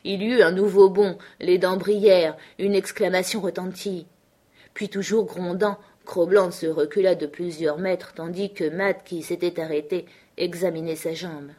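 A woman narrates a classic adventure story in a measured, clear audiobook reading. Her voice sits low for a woman and stays steady from line to line.

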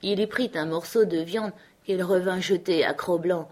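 A woman narrating a classic novel in a measured, clear reading. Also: on the low side, fairly even intonation, darkish tone. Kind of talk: audiobook narration.

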